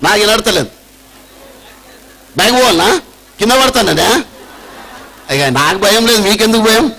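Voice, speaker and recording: Animated high-voiced Telangana man. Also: gravelly, low-quality recording. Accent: Telangana Telugu. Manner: animated, mixes Telugu with slow emphatic English phrases. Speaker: motivational trainer. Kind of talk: motivational talk to students. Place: training hall with an audience.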